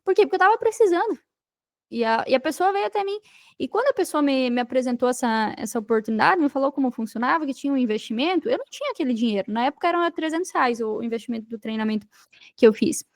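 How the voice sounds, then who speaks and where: High-pitched and quick, with lively intonation, this Brazilian Portuguese-accented woman guests on a podcast as a digital marketing entrepreneur. She tells her story emphatically in a conversational interview, repeating phrases and firing off rhetorical questions. The recording is dry and studio quality.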